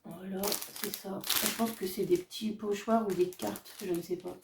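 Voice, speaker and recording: A woman vlogger casually showing off her craft shopping haul, chatty and hesitant, often pausing on fillers as she describes each item. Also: mid-range voice, fairly even intonation, vocal fry, recorded from a distance, very noisy. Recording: echoey room, voice off-mic.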